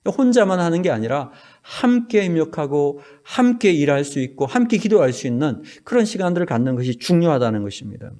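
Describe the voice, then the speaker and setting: A male pastor preaching an earnest sermon in a church, his voice dropping low at the ends of phrases. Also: big pitch swings, brisk, hardly any pauses, mellow. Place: church sanctuary.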